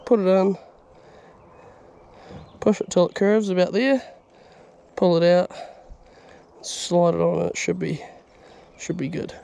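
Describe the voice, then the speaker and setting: A man's voice: high voice, slow, creaky, long pauses. A young man, chatting casually and explaining his fishing on a riverbank, recorded on a body-worn action camera. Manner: excitable, slangy, explains as he goes. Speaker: fishing vlogger. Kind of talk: casual outdoor fishing chat. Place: riverbank outdoors. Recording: faint outdoor noise.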